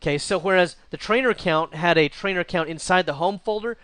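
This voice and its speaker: Guy walking thru a computer tutorial, kinda high voice, smooth and crisp, dry close mic. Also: quick pace, no room sound. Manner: relaxed, thinking aloud with frequent uh and restarts. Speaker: instructor. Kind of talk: screen-recorded software tutorial.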